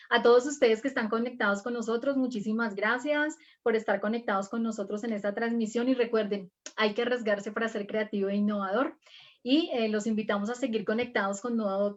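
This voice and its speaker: A woman with a Colombian Spanish accent, moderating a livestreamed conversation in a formal, courteous manner. Her voice sits at a middle pitch. The stream audio sounds slightly muffled and dull. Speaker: host, moderator.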